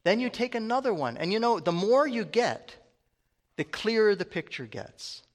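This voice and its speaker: A man delivering a sermon in a conversational way, pausing to put questions to his listeners. His voice sits a little on the high side. The sound carries a long reverb from a large hall. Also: very animated. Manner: conversational preaching, asks the congregation questions. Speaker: preacher.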